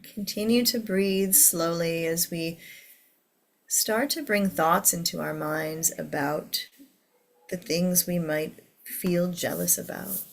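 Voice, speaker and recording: A woman teaching a guided meditation to a seated group in a soothing, gentle way. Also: lowish voice, fairly even intonation, takes it slowly, gravelly, rough recording.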